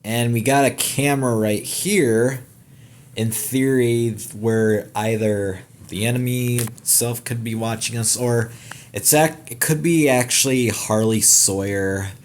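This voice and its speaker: A man's voice: mid-range voice, takes it slowly, a little hiss or hum. A young man hosting a gaming channel, giving a casual, rambling trailer breakdown with many fillers, restarts and casual swearing.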